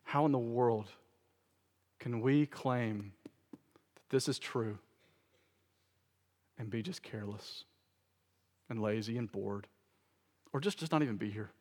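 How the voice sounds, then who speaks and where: A man's voice: mid-range voice, slow, pauses often, a little mellow, big-room sound. A man preaching a sermon as pastor, emphatic and repeating key phrases for stress, in a church sanctuary.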